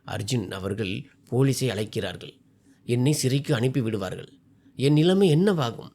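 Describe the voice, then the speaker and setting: A poor young village wife in a narrated family drama, tearful and pleading, as a male reader puts her on. The voice moves up and down in lively swings. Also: mid-range voice, normal speed, pitched below the performer's own voice.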